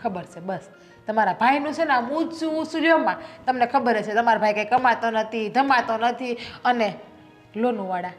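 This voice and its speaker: A woman's voice: fairly high pitch, faint music behind, natural voice. An actress in her thirties with a Gujarati accent, playing a suspicious, needling young wife in a family drama. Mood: taunting. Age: 30s. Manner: needling, quick to taunt. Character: sharp-tongued suspicious young wife, woman.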